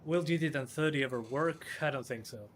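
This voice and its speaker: A man in his twenties, slightly hoarse, casually answering viewer questions on a live stream as a hardware tester with quick chuckles. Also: mid-range voice, a little hiss or hum. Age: 20s.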